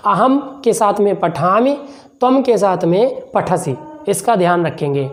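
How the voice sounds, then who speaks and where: A male teacher explaining a lesson slowly and deliberately, repeating phrases word by word and asking questions that he then answers himself. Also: sits high, expressive.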